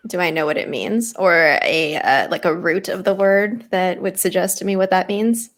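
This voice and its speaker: A woman's voice: on the low side, normal speed. A woman playing a tabletop game, chatting casually as she plays.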